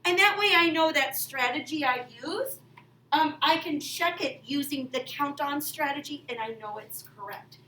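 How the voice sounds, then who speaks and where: Demonstrating a game for young students, an elementary math teacher uses a high-pitched, pushed, bright voice at a moderate pace. She explains in steps and exclaims extravagantly, much like a children's TV host. The mic is distant, the room echoey, with faint background noise.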